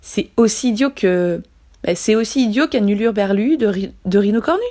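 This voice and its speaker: A woman's voice: medium pitch, animated, normal speed, mellow, natural voice. A sly, teasing voice of a talking watermelon, actually a mischievous little caterpillar hidden inside, put on by a woman reading a storybook aloud. It mocks the other animals with playful cheek. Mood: mocking. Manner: teasing, mocking.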